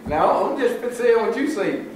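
A man's voice: extremely high pitch, expressive, takes it slowly. A man in a church class speaks up from the pews to correct the teacher. He is picked up from far off, and his voice is washed in heavy room echo with faint background hiss. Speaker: church member. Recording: distant echoey room mic.

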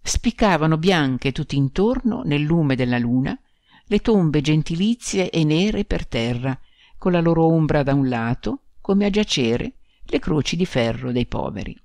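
A woman reading a literary short story aloud as an audiobook narrator, measured and expressive. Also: deep voice, dry recording.

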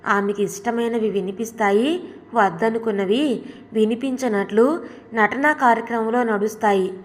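A woman narrating a story in a calm, steady reading voice. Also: medium pitch. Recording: long hall reverb.

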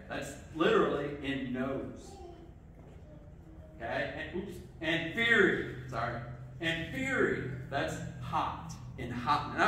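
Captured by a distant camera in an echoey sanctuary with the congregation present, a middle-aged pastor leads a lively children's sermon. He questions the kids and checks in with frequent "okay"s, his slightly high voice set against slight background noise.

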